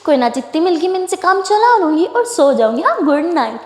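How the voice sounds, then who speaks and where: A woman's voice: extremely high pitch, big pitch swings, a little fast, voice pushed up. A woman voicing a playful young woman in love, coy and teasing in a sing-song way. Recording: echoey room with long reverb.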